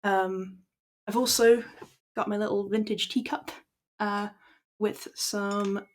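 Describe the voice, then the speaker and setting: This young woman from Ireland reads books on her livestream; after some easy chatter with the audience, her croaky, medium-pitched voice settles into a calm, even reading of a classic tale.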